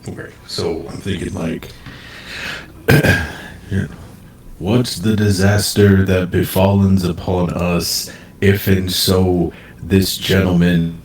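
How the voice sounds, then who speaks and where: A man with a very low voice talks loosely, thinking out loud as he plays a tabletop game over a video call. His voice comes back doubled, echoing as if picked up by a second device, and it sounds roomy and hollow. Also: little pitch movement, slow, slight background noise. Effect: echo, his voice heard twice through a second device. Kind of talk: casual chat while playing a tabletop game online. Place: home office. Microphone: computer mic on a video call.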